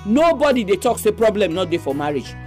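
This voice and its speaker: A woman's voice: mid-range voice, sing-song, brisk, warm tone. Nigerian Pidgin-speaking woman hosting, music behind. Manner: speaks Nigerian Pidgin, addressing listeners directly. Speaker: radio program host.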